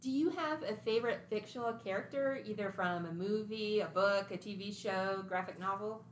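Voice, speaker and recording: A woman hosting a school podcast, reading out her introduction and interview questions clearly. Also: mid-range voice, moderate pace, a little hiss or hum. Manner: clear, read-aloud questions. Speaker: podcast host. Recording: echoey room.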